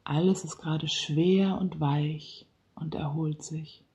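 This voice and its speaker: A relaxation guide speaking softly and slowly, sometimes dropping into a whisper, leading a guided relaxation. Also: mid-range voice, steady tone. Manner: slow, soft-spoken, partly whispered.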